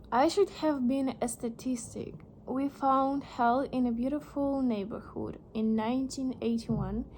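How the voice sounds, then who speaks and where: A young Russian-speaking vlogger slowly reads an English book aloud, halting, restarting, and pausing with puzzled asides over words. Her Russian accent has a slight American tinge, and her fairly high, mellow voice comes through a rough recording with a little hiss or hum.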